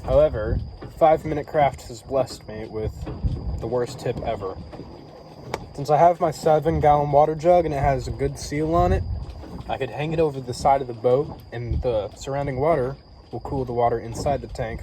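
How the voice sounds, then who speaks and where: A tired young man vlogging from his small sailboat by an island at night, talking slowly and rambling, with fillers and the odd swear. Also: medium pitch. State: sleep-deprived. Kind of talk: casual vlog narration. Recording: noisy outdoor phone recording. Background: water, boat sounds and crickets.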